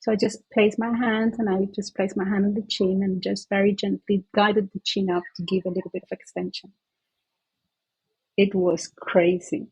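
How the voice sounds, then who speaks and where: A woman therapist, a guest in an interview, telling an earnest, animated anecdote in conversation. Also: mid-range voice, moderate pace, breathy edge, dry recording, low-quality recording.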